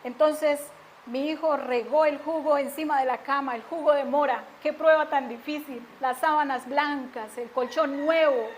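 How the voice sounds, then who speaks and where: Woman preacher, middle-aged, high voice, earnest testimony, drops to a hush then rises to firm proclamation. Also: fairly even intonation, moderate pace, a little hiss or hum. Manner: earnest, swings from hushed confessions to emphatic declarations. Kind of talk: sermon with personal testimony.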